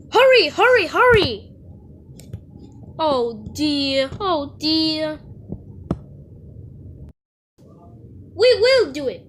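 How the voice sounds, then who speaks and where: Woman doing cheeky little cartoon train boy, super high and eager, impatient, slow-ish pace, bit of noise in the recording. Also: pushed and bright, heavily acted. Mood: hurried, gleeful, then worried. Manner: exclamatory, short repeated catchphrases. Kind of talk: character voice reel, cartoon acting.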